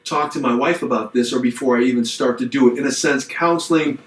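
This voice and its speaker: A man's voice: medium pitch, fast talker, far from the mic. A middle-aged man co-hosting a podcast as a pastor, talking in a reflective, rambling way with restarts and dry self-deprecating jokes. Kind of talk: casual chat. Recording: roomy echoey room.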